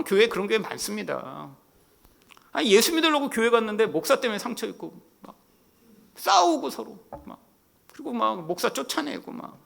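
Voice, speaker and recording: A man in his forties, a pastor preaching a sermon, telling his own story candidly and putting questions to the congregation, switching between loud emphatic lines and hushed near-whispers. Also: sits high, creaky.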